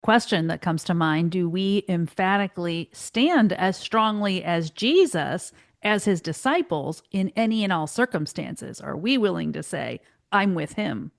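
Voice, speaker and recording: A woman's voice: lowish voice, expressive, a little slow, creaky. Reflective woman co-hosting a Bible podcast. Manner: reflective, poses questions. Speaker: podcast co-host. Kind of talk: Bible study discussion.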